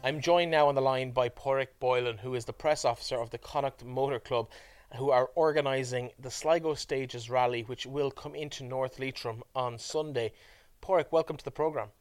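Clear radio presenter, male. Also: mid-range voice, fairly even intonation, moderate pace, no echo, faint music behind. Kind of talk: radio interview questions.

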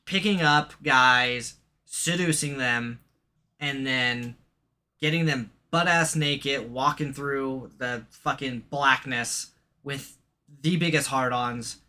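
Male co-host, bright, sharp voice, relaxed and sweary, quick to agree. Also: medium pitch. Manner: profane, laid-back, lots of short agreements. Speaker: podcast co-host. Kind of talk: casual chat.

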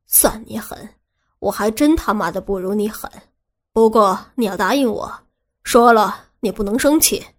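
A woman's voice: on the high side, moderate pace, pitched below the performer's own voice, natural voice. A woman doing a smug scheming young man. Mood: sulky. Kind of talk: audiobook character reading.

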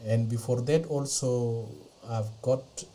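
Middle-aged Ethiopian-born man, non-native English speaker, measured testimony with frequent fillers, warm dark voice, slight hiss behind. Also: mid-range voice, fairly even intonation, poor audio. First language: not English. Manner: hesitant, many pauses and fillers. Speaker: interview guest. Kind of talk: slow personal testimony. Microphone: podcast interview mic.

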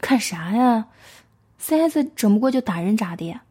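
Cast: blustering Northeastern pickpocket man in his thirties, read by a woman, defensive and breathy. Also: fairly high pitch, expressive, moderate pace, mellow. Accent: Northeastern Chinese. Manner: gruff, defensive, playing dumb.

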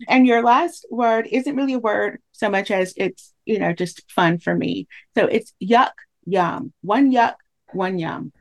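A woman's voice: mid-range voice, a little slow. A woman hosting a podcast interview, chatty and enthusiastic. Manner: enthusiastic, chatty, laughs often. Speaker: podcast host.

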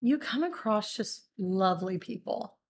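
A young woman bartender as a guest in a casual chat, playful and quick with laughing asides. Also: medium pitch, lively intonation.

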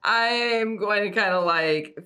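A woman's voice: mid-range voice, slow, sharp tone. A woman playing a tabletop game, giggly and egging the others on. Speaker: player. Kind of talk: tabletop role-play chat.

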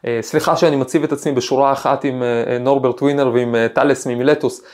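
A man's voice: medium pitch, fairly even intonation, darkish tone. A man hosting a podcast, a professor giving a reflective talk with a personal anecdote and frequent hesitations. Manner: thoughtful, storytelling, frequent hesitations.

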